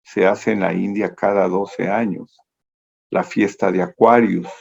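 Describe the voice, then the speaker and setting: A man's voice: fairly low pitch, creaky, a little mellow. A man giving an esoteric lecture over a video call, telling a meandering story and correcting himself as he goes. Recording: dull lo-fi video-call audio.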